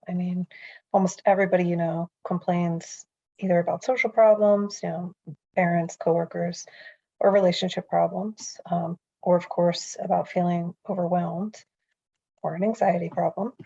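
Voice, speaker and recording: A woman with a gravelly, warm, somewhat low voice asks questions in a conversational way. The sound is dull and lo-fi. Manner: inquisitive, conversational. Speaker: co-host asking questions.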